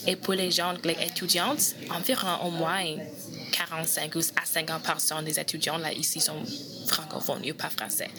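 A woman's voice: sits low, little pitch movement, moderate pace, music in the background. A young woman student from Toronto, a native English speaker, answering interview questions plainly. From Toronto, Canada. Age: young adult. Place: university campus, busy common area. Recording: crowd chatter behind.

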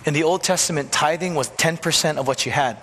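A man preaching a conversational sermon as a pastor in a church, acting out quick bits of dialogue. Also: fairly high pitch, bright, forceful tone. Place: church sanctuary. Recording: long church reverb, faint noise.

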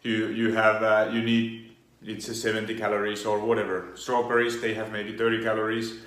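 A man with a Finnish accent, an online fitness coach explaining things in a halting way with many fillers and restarts. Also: on the low side, completely flat delivery, a bit bright, reverberant. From Finland. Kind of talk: explainer monologue.

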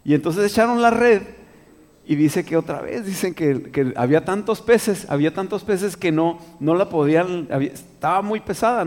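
A man's voice: a little high, a little mellow, long reverb tail. A man preaching a conversational Bible study sermon, reading verses aloud and asking the listeners questions as he goes. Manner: conversational, repeats and restarts, asks the listeners questions.

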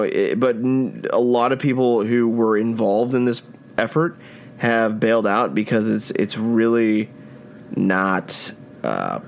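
A man co-hosting a podcast in a casual chat, dry and joking, reading out his own headlines. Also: mid-range voice. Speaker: podcast co-host.

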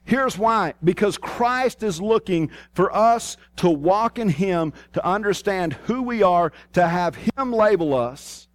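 A man delivers a sermon in a rather high-pitched voice with a Southern country accent. His twang is folksy and hillbilly, and his wording is plain, with key phrases repeated for emphasis. The sound is dry and close, with little room echo. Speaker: preacher.

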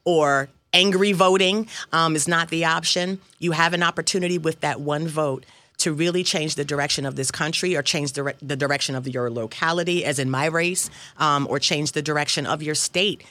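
A woman's voice: deep voice, steady tone, normal speed, pushed and bright, dry recording. A woman in her fifties speaking as a guest in a radio interview, earnest and emphatic, repeating phrases for weight. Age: 50s. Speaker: guest, local politician. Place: radio studio.

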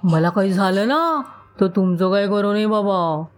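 A woman's voice: mid-range voice, lively intonation, measured pace, faint music behind, natural voice. A woman voicing a sly, fat trickster frog who giggles and teases, in a children's storybook tale. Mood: teasing. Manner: cheeky, giggling, teasing.

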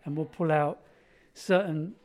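A man working as a music therapist, explaining his work in a clear, methodical way. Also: fairly high pitch, steady tone, unhurried, a little mellow.

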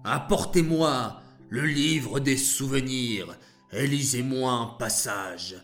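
A man's voice: medium pitch, takes it slowly, faint music behind. Man doing a grumpy growling king. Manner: growling, loud and bossy. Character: impatient grumpy old king, commanding.

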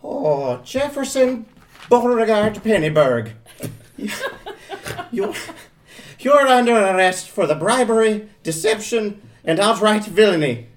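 A woman's voice: mid-range voice, lively intonation, slow pace. A woman voicing a brash, gleeful male police inspector with an Irish accent, in an amateur script read-through. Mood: gloating. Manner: loud, gleeful, taunting.

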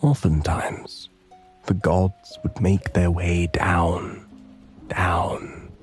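A man narrating a sleep story in a soothing, hushed, often breathy delivery, guiding the listener into relaxation. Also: sits low, flat delivery, drawn-out words, soft background music. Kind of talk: slow guided relaxation and bedtime story narration.

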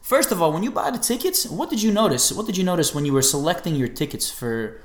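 A man co-hosting a podcast, chatting casually in a laid-back, slangy way and telling stories with lively energy. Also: on the high side, fast talker. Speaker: podcast co-host. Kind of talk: casual chat. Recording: roomy echo.

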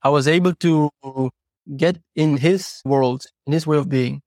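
This podcast guest, a horse trainer who isn't a native English speaker, talks at a measured pace in a fairly high voice with a darkish tone. He's reflective and earnest, illustrating ideas through personal stories and rhetorical questions, in clean studio sound with no echo.

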